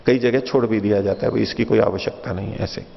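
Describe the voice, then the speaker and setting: Gravelly man lecturing in a hall. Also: on the low side, steady tone, fast talker. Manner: patient, repeats and rephrases points, asks listeners questions. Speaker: teacher of Mimamsa philosophy. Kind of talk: explanatory lecture with stories. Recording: dull lo-fi recording in a reverberant hall.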